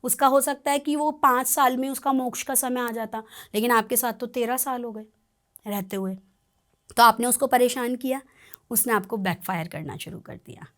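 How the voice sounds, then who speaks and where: A woman with a somewhat high voice talks on a podcast as a tarot reader and spiritual practitioner. She tells a client's story earnestly and animatedly. She often checks in with her listener as she goes. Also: moderate pace.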